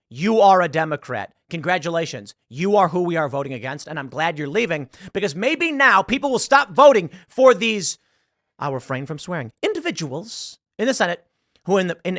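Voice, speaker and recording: A man, talking through political news in a solo commentary, animated and sarcastic. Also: high voice, no echo, clean studio sound. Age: 30s. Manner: animated, sarcastic, mocking quoted voices.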